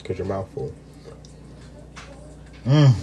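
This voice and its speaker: In a casual live-stream from his kitchen, a home cook talks to chat and hums as he eats, in a playful mood. He has a low, very animated voice and takes it slowly, while dishes, cutlery, pots and pans clink in the noisy background.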